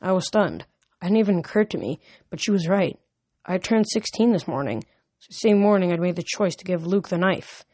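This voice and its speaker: A man's voice: high-pitched, animated, brisk, a little mellow, dry recording. Young man casually reading a novel aloud. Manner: casual, a little rambling in asides. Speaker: reader of a novel.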